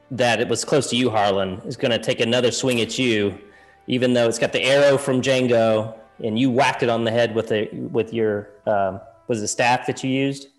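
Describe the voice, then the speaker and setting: A man running a tabletop game as game master, narrating in a loose, hedging way and laughing often. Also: medium pitch.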